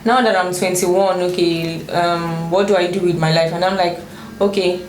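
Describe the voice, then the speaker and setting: Casting: woman in her twenties, lowish voice, echoey room, quotes people. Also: steady tone, moderate pace, a little hiss or hum. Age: 20s. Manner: acts out quotes, finishes others' sentences. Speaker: co-host. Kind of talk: casual panel chat.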